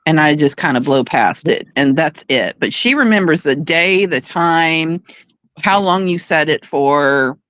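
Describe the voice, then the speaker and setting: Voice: medium pitch, lively intonation, a little slow, a bit bright, no echo. Dismissive, matter-of-fact panel speaker. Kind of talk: live panel chat.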